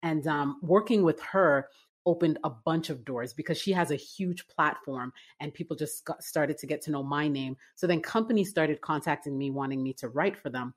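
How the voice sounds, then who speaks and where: A Canadian business owner in her forties tells her story as a guest in a relaxed, casual interview. Her voice is deep and her speed normal, and she uses lots of fillers and restarts.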